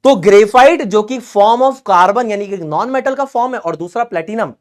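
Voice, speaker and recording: A male chemistry teacher lecturing in Hindi with lively, teasing energy. He jokes about English spellings and keeps his students hooked. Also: sits high, normal speed. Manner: animated, joking, mocking spellings.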